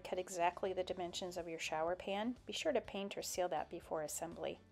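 A woman's voice: mid-range voice, a little mellow. A woman narrating a step-by-step build tutorial in a plain, explanatory voice-over.

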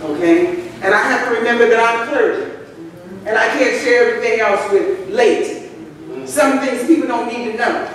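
A woman's voice: a little high, normal speed, far from the mic. An older woman pastor preaching a sermon from a church pulpit, telling personal stories in a conversational way with asides to the congregation. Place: large church sanctuary, at a pulpit. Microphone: pulpit microphone, far camera. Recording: echoey church hall from afar.

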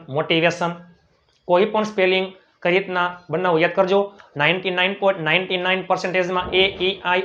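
High-voiced man drilling English words. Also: fairly bright tone, muffled recording. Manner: drills words slowly, then rushes asides; checks in with the viewers. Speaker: English teacher. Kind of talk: spoken English lesson.

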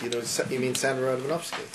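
At a dinner gathering in a wood-panelled dining room full of seated guests, a man in his sixties, a concert sponsor and guest speaker, gives a casual after-dinner talk. He speaks fast and enthusiastically in a medium-pitched, steady voice, rambling with many restarts and asides. The recording is noisy with room sound.

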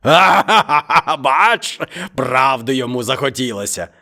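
A slow, gravelly storybook tiger, greedy and gloating, as a male narrator puts him on. He drags out every word with a growl, his pitch swooping up and down. Soft music plays behind him. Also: animated, exaggerated voice. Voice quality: growly, drawn-out. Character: ungrateful hungry male tiger, gloating and menacing. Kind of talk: storybook reading.

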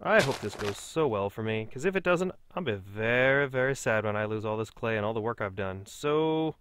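A man's voice: fairly low pitch, expressive, moderate pace, fairly bright tone, slight background noise. A man hosting a Let's Play, chatting casually and mocking himself as he plays. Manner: chatty, self-mocking, talks to himself while playing. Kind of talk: casual gameplay commentary.

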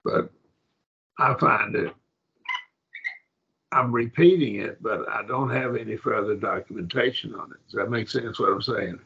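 A man teaching a Bible Greek class, halting and repeating himself, often checking that the class follows. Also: on the low side, gravelly, pushed and bright, slightly rough, muffled recording. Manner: halting, repeats words, asks the class if it makes sense.

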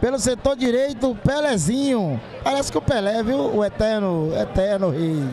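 A man's voice: high voice, expressive, moderate pace, a little mellow. A man with a Bahian accent reporting live on a football match from an outdoor ground. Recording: clear stadium crowd noise.

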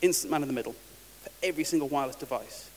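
A mid-range male voice delivers a rapid-fire technical talk at a conference, keeping it casual and wry while often restarting words. The setting is a large hall, recorded with reverb and a faint hiss.

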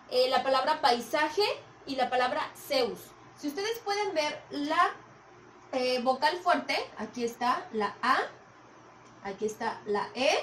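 A woman gives a recorded lesson for young pupils in a high voice, often checking in with them as she goes. She sounds set back from the mic in an echoey room, with a faint hiss underneath. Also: recorded from a distance. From Mexico. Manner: patient, checks in with "¿ok?" and "¿sale?". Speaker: primary school teacher. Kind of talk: recorded video lesson for children.

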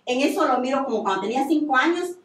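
A woman's voice: sits high, animated, fast. A woman giving a religious testimony on the radio, telling her story earnestly with many repetitions. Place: radio studio. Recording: echoey room, distant mic.

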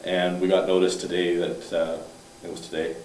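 A male town councillor reporting at a council meeting, talking in a halting, matter-of-fact way with many restarts. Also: low-pitched, completely flat delivery, a little mellow. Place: council chamber, indoors. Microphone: far room mic. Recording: echoey room, distant mic, faint hiss.

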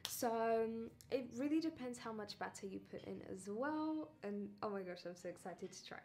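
Bubbly, high-voiced woman baking at home. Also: animated, moderate pace, darkish tone. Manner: bubbly, enthusiastic, chatty. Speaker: baking channel host. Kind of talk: casual cooking vlog.

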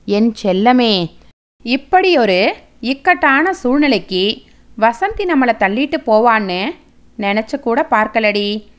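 A woman's voice: on the high side, very animated, takes it slowly, pauses often, smooth. A woman voicing a mother who speaks sorrowfully and pleadingly to her daughter. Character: tearful mother grieving over her daughter.

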